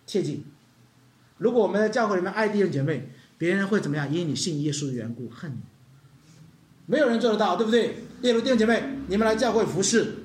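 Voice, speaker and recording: A high-voiced male preacher delivers a lively sermon, with his pitch swinging widely as he questions the congregation. His voice rings through an echoey room. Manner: animated, questioning the congregation, acting out stories.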